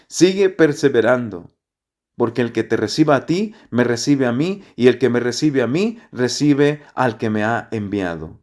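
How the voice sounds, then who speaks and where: A man's voice: medium pitch, a little mellow. A man giving an earnest, repetitive gospel reflection to listeners as a preacher.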